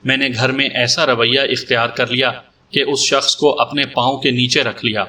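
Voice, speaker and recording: A man's voice: medium pitch, fairly even intonation, sharp tone, far from the mic, close to an everyday voice. A man reading the part of a young woman making a frank, defiant statement to a police officer, in a story reading.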